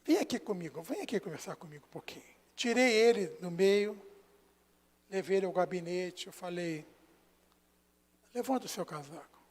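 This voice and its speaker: A Brazilian man preaching as a pastor, telling a story and swinging between hushed and loud passages. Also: high voice, animated, moderate pace, long pauses. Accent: Brazilian Portuguese. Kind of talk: sermon. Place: church sanctuary. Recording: long church hall reverb.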